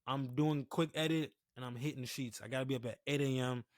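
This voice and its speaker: A man's voice: mid-range voice, steady tone, fast talker, dry recording. A young man hosting a casual sports podcast with laid-back, slangy talk, slightly lisping from wearing retainers, with a dry mouth late at night.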